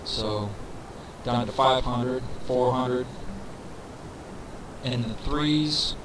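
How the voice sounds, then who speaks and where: A man's voice: medium pitch, drawn-out words. A man narrating a casual game walkthrough, thinking aloud with fillers and counting down numbers, his voice carrying reverb from a poor microphone. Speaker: gameplay tutorial narrator. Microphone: cheap desk microphone. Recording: reverby mic with crowd noise behind.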